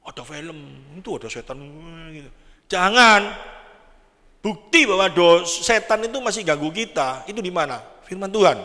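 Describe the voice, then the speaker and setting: Animated pastor, echoey church hall. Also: male voice, on the high side. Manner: animated, quizzing the congregation, acting out prayers. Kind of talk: sermon.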